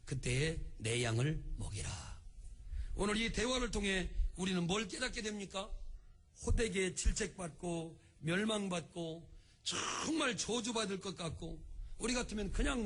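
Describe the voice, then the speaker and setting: A man delivers a church sermon with a high, husky voice. His pitch rises and falls widely as he preaches. He acts out the lines of the people he quotes. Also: moderate pace. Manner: animated preaching, acting out quoted speech. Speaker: pastor. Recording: broadcast recording of a church service.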